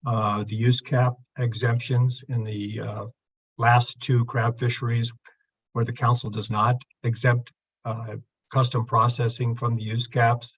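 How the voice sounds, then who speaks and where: A man speaks in a husky, monotone voice, muffled as though coming through a wall. His measured, technical testimony arrives over a dull, lo-fi remote call line with the highs rolled off. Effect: muffled, as if heard through a wall. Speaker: public testifier at a council meeting.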